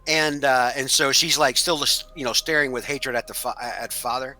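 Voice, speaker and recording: A man's voice: mid-range voice, fairly even intonation, moderate pace, bright, forceful tone, low-quality recording. A young man running a tabletop horror game as game master, narrating loosely with many fillers.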